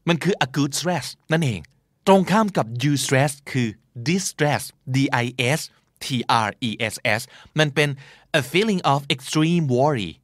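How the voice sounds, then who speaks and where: A man speaking as a podcast host, emphatic and lively, reading English phrases slowly and carefully for his listeners. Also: on the high side, no room sound, clean studio sound. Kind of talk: solo podcast talk teaching English words.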